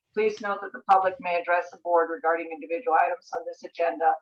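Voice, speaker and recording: A woman's voice: fairly low pitch, dull audio. An American woman chairing a public board meeting, formally reading out procedure and agenda items into a meeting room mic. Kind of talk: formal meeting procedure, partly read aloud.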